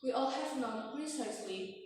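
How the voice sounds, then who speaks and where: A teenage young woman with an Indonesian accent delivers a memorized competition speech in a stiff, rehearsed way, with deliberate emphatic pauses. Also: sits high, darkish tone. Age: teens. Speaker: student speech contestant. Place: large echoey indoor room. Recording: echoey hall from far off, faint noise.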